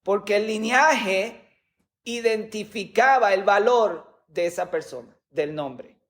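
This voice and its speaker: A man's voice: high-pitched, takes it slowly. A man preaching a sermon as a pastor, teaching with rhetorical questions and sometimes repeating words as he goes.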